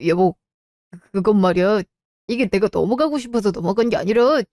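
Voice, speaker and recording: A woman's voice: mid-range voice, expressive, brisk, a little mellow, no room sound, close to an everyday voice. Woman doing a sleazy cheating husband in a radio drama, whiny excuses, dry close sound. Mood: defensive. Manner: wheedling, excuses. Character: cheating husband, evasive and pleading.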